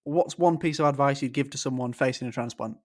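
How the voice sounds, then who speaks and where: A man's voice: mid-range voice, quick pace. A man hosting a sports podcast, asking questions and reading a rambling, informal sign-off. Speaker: podcast host. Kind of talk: podcast interview and outro.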